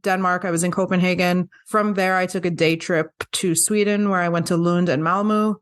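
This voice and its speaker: Chatty woman, lower voice. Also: a little fast. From upstate New York. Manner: chatty, laughs often, animated storytelling. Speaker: podcast co-host. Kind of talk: casual chat.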